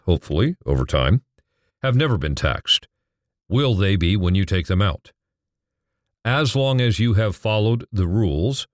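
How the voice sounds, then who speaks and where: A man's voice: low-pitched, no room sound, clean studio sound. A middle-aged man explaining retirement account taxes, emphatic and asking rhetorical questions that he answers himself. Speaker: financial educator. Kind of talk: explanatory financial talk.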